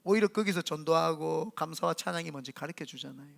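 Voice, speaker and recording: Speaking fast with a voice on the high side and touches of vocal fry, a middle-aged Korean man preaches as senior pastor. His sermon is full of animated stories in which he performs the quoted voices.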